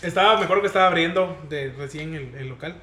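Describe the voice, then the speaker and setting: A man's voice: fairly high pitch, fast talker, pushed and bright, reverberant. A man, a barber chatting casually in an interview, slangy and laughing often. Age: 20s.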